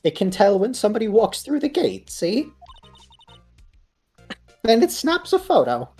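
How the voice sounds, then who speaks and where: Woman doing a gruff old security guard. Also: a little high, very animated, measured pace, mellow, faint music behind, pitched above the performer's own voice, exaggerated voice. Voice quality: strained, gravelly put-on voice. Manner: slangy, drawling old-timer speech.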